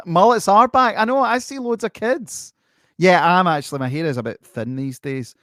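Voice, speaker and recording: A man's voice: sits high, moderate pace, a bit bright, no room sound, studio quality. A man in his forties hosting a livestream with casual, opinionated chat that often repeats phrases. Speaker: livestream host.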